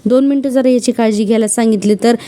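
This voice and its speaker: A woman's voice: on the high side, steady tone, fast, mellow, lightly acted. A woman voicing a playful young wife who teases her husband in a sing-song voice, talking to a baby. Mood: coaxing.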